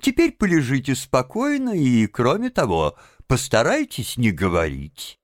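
A kindly gentleman motorist , as a man reading the book plays him, fusses in hearty exclamations that leap around in pitch. The recording is close and dry. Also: wildly swooping pitch, measured pace, dry recording.

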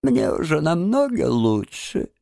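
A boastful, panicky toad , put on by a man reading the book aloud, squeaks in a high, fluttering falsetto that swoops up and down. The voice is dry and close, with no room around it. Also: huge pitch swings, a little slow, gravelly, dark tone, dry recording, heavily acted. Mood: feeble simpering. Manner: shrill, simpering falsetto in disguise. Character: boastful male toad, panicky, disguised as washerwoman. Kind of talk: audiobook character voice.

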